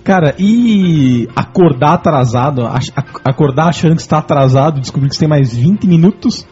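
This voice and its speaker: A man's voice: on the high side, lively intonation, moderate pace, darkish tone, slightly rough, faint music behind. A man in a casual podcast chat, laid-back and tossing in new topics. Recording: dull lo-fi podcast recording.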